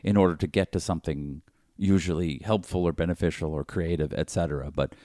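A man's voice: low-pitched, steady tone, fairly quick, warm tone, no echo, studio quality. A man co-hosting a casual talk, joking and rambling with crude language. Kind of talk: casual chat.

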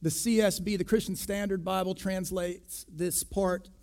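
A pastor preaching a sermon, deliberate and emphatic, pressing hard on key words. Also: male voice, high-pitched, fairly even intonation, darkish tone.

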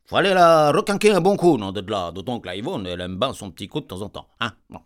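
Man, rambling comic storyteller, animated pitch. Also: fast. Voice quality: rambling, digressive peasant chatter.

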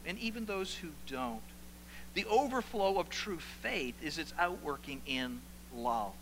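A man preaching a sermon, asking the congregation questions and rising to loud, emphatic peaks. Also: high-pitched. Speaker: pastor. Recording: reverberant hall, faint hum.

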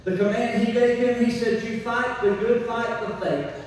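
Speaking to his congregation at a moderate pace, this male pastor has an extremely high-pitched voice with fairly even intonation, slightly weakened by laryngitis. His sermon is folksy and emphatic, with key phrases repeated. It's captured by a distant mic in a very echoey church hall, with faint noise.

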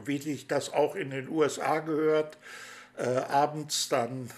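Hosting a chatty interview in radio style, a man speaks in a slightly high voice with flat delivery and no hurry. He asks friendly, rambling questions loaded with fillers.

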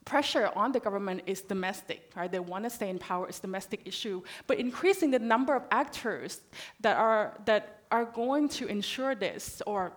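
A woman's voice: mid-range voice, lively intonation, normal speed. A woman from Thailand speaking as a panelist, talking conversationally and often checking in with "right?". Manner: conversational, frequent "right?" tags. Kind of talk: panel discussion talk.

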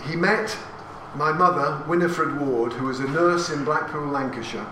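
An English speaker in his sixties, voice a bit high for a man and at a moderate pace, talks to a hall audience about family history. His manner is anecdotal and chatty, full of asides and questions. Recorded from some distance, roomy, with audience noise.

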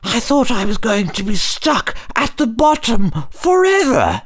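A man voicing a grateful little male star in a bedtime story, with a high squeaky put-on voice. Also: sing-song, measured pace, fairly bright tone, full character voice.

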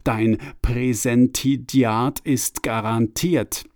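A man voicing a solemn male god from the machine, speaking in slow, measured pronouncements in a storybook reading. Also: mid-range voice, steady tone, a little mellow, no room sound, studio quality.

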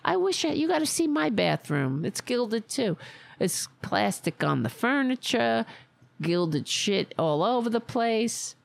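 A woman mocks a brash, thick-accented Staten Island widow of advanced years, performing a satirical monologue in full character voice. Her gravelly, slightly high drawl moves slowly with big pitch swings, sarcastic and exaggerated in a mocking mood. The sound is close and dry, with no room sound.

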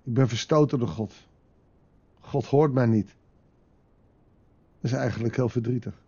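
A man's voice: medium pitch, husky. Reflective man reading a Bible meditation. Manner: calm, reflective, pausing, rhetorical questions. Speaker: devotional speaker. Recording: dull lo-fi recording.

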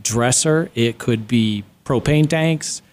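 A man's voice: mid-range voice, takes it slowly, a little mellow. A man answering interview questions matter-of-factly as a guest in a radio studio.

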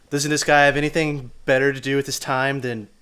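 A man in his twenties, a podcast guest, chatting casually in a blunt, deadpan way and swearing freely. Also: mid-range voice, normal speed, background noise.

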